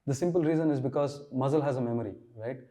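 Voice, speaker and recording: Man, interview guest, mellow tone, hesitant with restarts. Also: medium pitch, fast. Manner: hesitant, repeats words when starting a thought. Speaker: guest, runner. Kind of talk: conversational interview answers.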